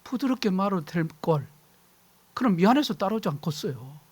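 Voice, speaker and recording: Middle-aged male pastor, high lively voice, preaches animatedly and acts out quarrels. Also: normal speed, breathy edge. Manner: animated preaching, acting out shouted household quarrels. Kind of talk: sermon.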